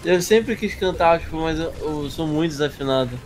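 A man's voice: fairly high pitch, normal speed, slight background noise. A man with a Brazilian accent chatting casually on a game stream, mildly protesting and self-deprecating. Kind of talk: casual chat on a gaming stream. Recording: music playing behind. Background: music.

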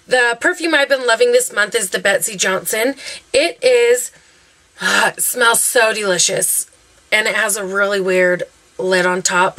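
A chatty young woman raves about her favorite beauty products, her voice bright and a little high. She rambles happily, scattering "um" and "like" as she goes. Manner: chatty, gushing, lots of fillers. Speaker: beauty vlogger. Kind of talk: casual favorites review.

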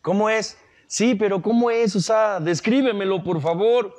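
A man's voice: high-pitched, normal speed, darkish tone. A man with a Mexican accent giving an emotional motivational talk at a recovery group meeting, earthy and full of coarse slang.

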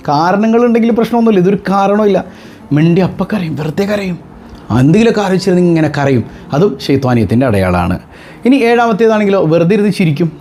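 Man, religious teacher, high voice, animated, rhetorical questions, faint background hiss. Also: fast talker. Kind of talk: religious talk to followers.

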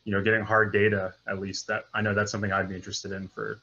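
A man's voice: lowish voice, little pitch movement, quick pace, pushed and bright, slightly rough. A young man in his twenties interviewing on a video call, hesitant and full of fillers. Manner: hesitant, filler-heavy questions. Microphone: video call webcam. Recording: dull lo-fi webcam audio.

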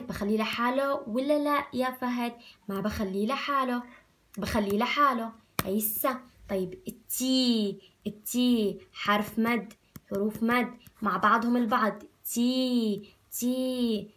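Levantine woman teacher spelling syllables slowly. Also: on the high side, a bit bright. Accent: Levantine Arabic. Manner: slow drawn-out syllable spelling, coaxing questions. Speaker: primary school Arabic teacher. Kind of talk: recorded remote lesson for first graders.

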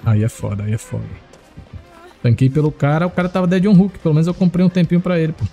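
A man streams a horror game, talking to his viewers and breaking into high-pitched yelps when he panics. His voice is gravelly and dark in tone, with a faint music bed playing under it. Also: fast. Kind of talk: live gameplay commentary.

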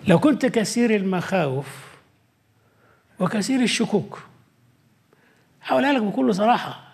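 A man with an Egyptian Arabic accent preaching a Bible study sermon, moving from soaring emphatic lines to hushed asides. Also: expressive, normal speed, vocal fry. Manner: dramatic, swings between soaring high emphasis and hushed low asides; acts out God's voice answering the doubter. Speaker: pastor.

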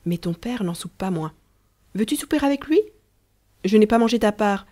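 A woman voicing a gentle, sly young peasant woman who talks soothingly and patiently to a small child in a storybook. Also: mid-range voice, expressive, normal speed, close to an everyday voice. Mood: teasing.

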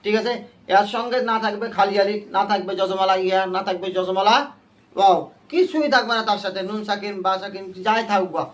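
A man's voice: high-pitched, a little fast, fairly bright tone. A man teaching a Quran reading class, quizzing his students with short repeated questions and waiting for them to answer together. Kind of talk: call-and-response class lesson.

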